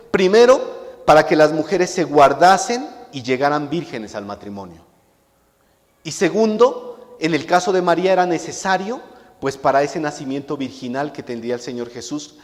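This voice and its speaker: A male pastor preaching a sermon to his congregation, emphatic and full of rhetorical questions, often repeating a key word for weight. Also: fairly high pitch. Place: church hall. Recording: long hall reverb.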